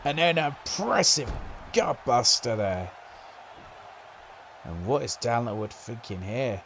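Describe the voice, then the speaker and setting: A man doing excitable play-by-play wrestling commentary, breaking into loud exclamations. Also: mid-range voice, unhurried, highs cut off, slight background noise.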